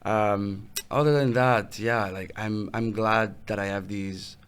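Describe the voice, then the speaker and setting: Speaking with an Italian accent, a young adult musician from Italy talks as a guest in a laid-back interview, pausing and restarting phrases now and then. His voice is on the low side, clear and resonant.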